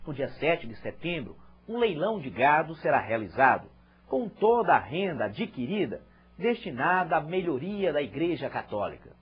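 A man's voice: fairly high pitch, sing-song, moderate pace, breathy edge. A Brazilian man reading scripted news narration as a reporter. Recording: dull lo-fi TV audio.

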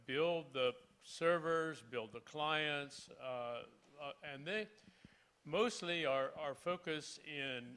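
A man speaking as a panelist at a business forum, pausing often with fillers. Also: a little high, sharp tone, smooth. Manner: hesitant, many fillers. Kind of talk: panel discussion.

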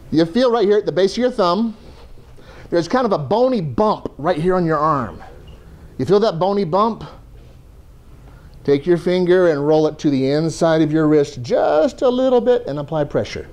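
Teaching a first aid class, this man keeps it conversational, joking as he explains to the room in a classroom lecture. His voice is on the high side and a little mellow.

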